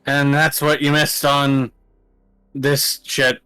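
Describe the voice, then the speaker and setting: A rambling, jokey man recaps last session for his tabletop group, his voice bright and forward. He swears freely and drifts from point to point. Faint music plays underneath. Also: medium pitch, little pitch movement, slow, clean tone, poor audio. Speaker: player. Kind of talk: casual tabletop banter and recap.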